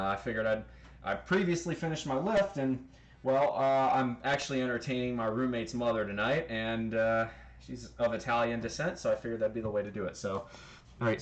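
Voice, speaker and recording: Filmed on a handheld phone camera in his home kitchen, a streamer talks casually to his chat while cooking live, counting numbers out loud and cursing occasionally. His voice sits at a medium pitch, and there's a little background noise.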